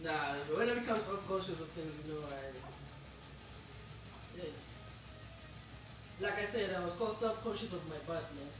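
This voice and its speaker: A man in casual chat, laid-back and quick to laugh. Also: high voice, recorded from a distance. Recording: echoey room, off-mic, music behind.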